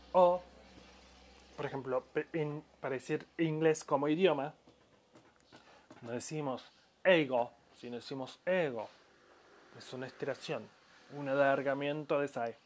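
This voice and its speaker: A man giving a spoken language lesson, explaining pronunciation patiently and stretching out example words, with frequent restarts. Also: fairly high pitch. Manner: calls himself audio-lesson maker, addresses listeners. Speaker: Japanese language teacher.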